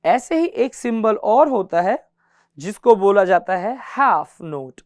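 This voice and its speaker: A man's voice: high-pitched, lively intonation, slow pace, dry recording, studio quality. A man teaching a guitar class, patiently counting beats aloud and mixing English terms into his explanations. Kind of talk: classroom music lesson.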